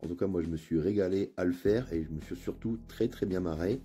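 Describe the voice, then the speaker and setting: A man with a northern French accent talks through an unboxing on his channel, relaxed and chatty, pausing often to hesitate. His voice sits on the low side with a warm, mellow tone, and soft music plays quietly underneath. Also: husky. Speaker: channel host. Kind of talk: casual unboxing narration. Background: faint background music.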